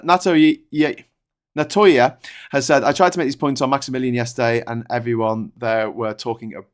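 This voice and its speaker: Man with a soft Scouse accent. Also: medium pitch, clear, resonant tone. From Liverpool, England. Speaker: live-stream talk show host. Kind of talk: casual chat.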